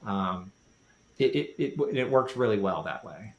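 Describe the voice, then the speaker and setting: A man with a fairly low, lively voice speaks at a measured pace, chatting casually and explaining things in detail, often repeating and rephrasing to stress his points. He is a podcast guest with a music background, and the recording sounds roomy and echoey.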